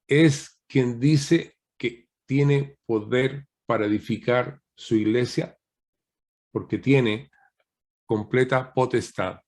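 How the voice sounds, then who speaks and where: Speaking in a mid-range voice, a man appears as a guest pastor on a video call and delivers a teaching sermon. Rhetorical questions run through it, and a questioning tag frequently caps his points.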